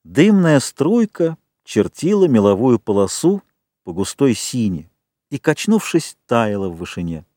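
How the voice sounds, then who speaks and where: Male audiobook reader, mid pitch, very lively intonation, dry booth sound. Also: measured pace, no echo. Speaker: audiobook narrator. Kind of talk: scripted literary audiobook narration.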